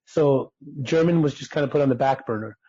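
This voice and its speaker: A man's voice: mid-range voice, a little fast, dark tone, breathy edge, muffled recording. A man whose first languages were Persian and German, raised in Utah, earnestly telling his life story as a podcast guest. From United States (Utah).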